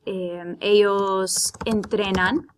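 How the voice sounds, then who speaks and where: A woman's voice: mid-range voice, fairly even intonation, drawn-out words, slight background noise. A woman teaching Spanish vocabulary, patiently explaining words in Spanish and English. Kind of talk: vocabulary lesson, bilingual.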